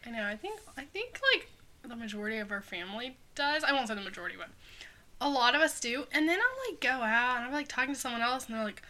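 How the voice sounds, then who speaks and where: A woman's voice: a little high, very animated, fast talker, bright, forceful tone. A woman co-hosting a podcast, chatting casually and telling stories with lots of filler words. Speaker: podcast co-host. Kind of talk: casual chat.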